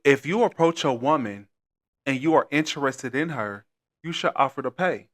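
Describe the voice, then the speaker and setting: A man co-hosts a relaxed conversation at a middle pitch. He backs his partner firmly and states his own take with steady emphasis. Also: moderate pace. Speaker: co-host. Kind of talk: casual chat.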